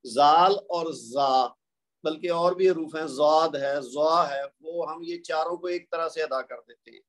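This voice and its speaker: A man with a Pakistani Urdu accent giving a recorded tajweed lecture, patiently explaining word pairs and slowing down to contrast them. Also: fairly high pitch, fairly even intonation, a bit bright. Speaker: Quran recitation teacher.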